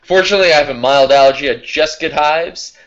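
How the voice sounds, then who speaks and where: A man co-hosting a casual gaming podcast, telling animated stories and acting out quotes. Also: fairly high pitch, fast talker, muffled recording. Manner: animated storyteller, acts out quotes. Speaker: podcast co-host.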